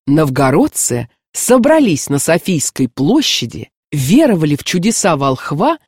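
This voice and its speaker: Woman narrator, low voice, unhurried, expressive storytelling, radio tale reading. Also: slightly rough, dry recording, clean studio sound.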